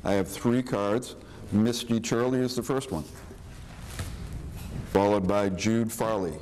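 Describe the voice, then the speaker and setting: A man's voice: fairly low pitch, slow pace, a little mellow, a little hiss or hum, poor audio. A man acting as chairman, making short procedural announcements at a government meeting. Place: indoor government meeting room.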